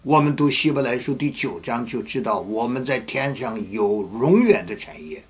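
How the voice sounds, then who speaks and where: A male pastor preaches in a gravelly, creaky voice at an everyday middle pitch. He tells his story vividly and slips into the voices of the people he quotes. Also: lively intonation, moderate pace. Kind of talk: sermon with storytelling.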